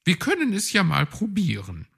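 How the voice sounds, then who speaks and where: A man voicing a chatty, prim female magpie in a children's story, squeaking high above his own voice with a huffy bickering manner. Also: wildly swooping pitch, moderate pace, gravelly, a bit bright, slightly rough, heavily acted. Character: fussy chatty female magpie, older lady.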